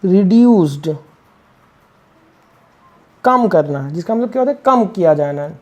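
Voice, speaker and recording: In an animated but unhurried manner, a woman with a lowish, slightly mellow voice teaches English reading. She spells each word letter by letter and answers her own questions, as in a classroom lesson.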